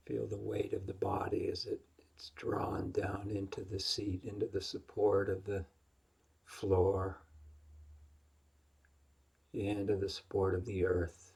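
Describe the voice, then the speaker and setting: A man teaches a guided yoga nidra meditation, speaking gently and without hurry, leaving long pauses. His voice is husky, breathy and gravelly, pitched low, with a completely flat delivery.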